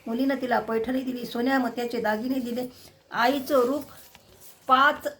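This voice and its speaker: A middle-aged woman narrating a devotional tale in a steady, measured reading voice. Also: on the high side. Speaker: storyteller.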